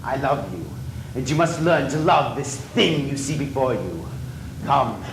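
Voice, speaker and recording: A man playing a disfigured masked man, obsessive and possessive, in a stage play, swinging from soft pleading to shouting rage. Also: mid-range voice, animated, measured pace. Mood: anguished, raging. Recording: echoey stage from a distance, faint noise.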